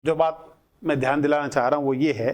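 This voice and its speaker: A man teaching grammar in a lecture, breaking words into single sounds and repeating them deliberately. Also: a little high, steady tone. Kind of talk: classroom lecture explaining at a board.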